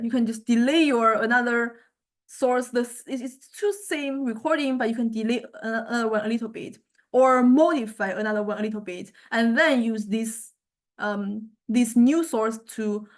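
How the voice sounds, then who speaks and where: A music technology instructor with a fairly high voice gives an informal recorded software lesson. She thinks aloud, explaining tentatively in halting phrases as she walks the class through a demo.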